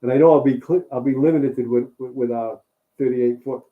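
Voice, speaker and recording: A man's voice: mid-range voice, fairly even intonation, fairly quick. A man co-hosting a casual chat, talking in an easygoing, rambling way and often repeating himself. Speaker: co-host and mechanic. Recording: tinny phone-like sound.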